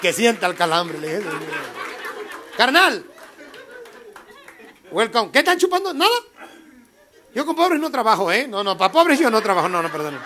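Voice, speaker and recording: A man's voice: high voice, very animated, normal speed, long pauses, bright, forceful tone, some chatter behind, a little hiss or hum. A man with a Mexican Spanish accent doing profane, rowdy stand-up comedy, laughing often and teasing the audience. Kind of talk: stand-up comedy with crowd work.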